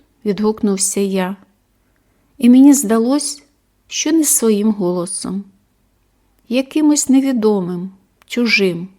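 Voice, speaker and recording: Brief: female audiobook narrator, measured and expressive, a bit higher-pitched voice. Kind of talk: scripted first-person story narration.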